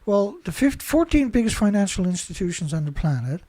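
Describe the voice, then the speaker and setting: A commentator reads news headlines and adds his own commentary in a casual monologue, rambling and indignant, with many restarts and tags of "right?". His high, sing-song voice has a dark tone and moves fairly quickly. The recording is dry.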